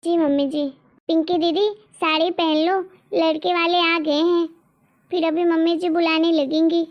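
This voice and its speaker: A woman's voice: very high-pitched, little pitch movement, normal speed, lo-fi sound. A woman voicing a meek, obedient young daughter-in-law in a cartoon story, speaking politely.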